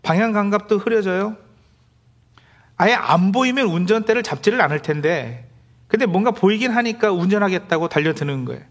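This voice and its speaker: A middle-aged male pastor giving a conversational sermon, now and then acting out the complaints of believers in quotes. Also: sits high.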